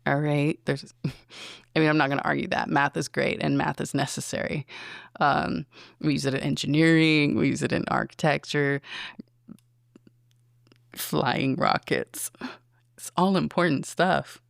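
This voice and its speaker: A podcast host speaks alone in a loose, rambling way, asking question after question. The voice has a gravelly fry running through it, and the recording is close and dry with no room sound. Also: medium pitch, little pitch movement, moderate pace, a bit bright, no room sound. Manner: rambling, full of rhetorical questions. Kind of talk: casual solo commentary.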